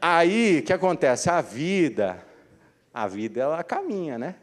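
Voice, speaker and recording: A man from Brazil delivers a motivational talk, his voice sitting a little high and leaping about with lively swings of pitch. He jokes with the crowd and talks straight to them. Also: a little slow. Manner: animated, joking, addresses the audience directly. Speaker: motivational speaker. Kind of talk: live motivational talk to an audience. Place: council chamber hall.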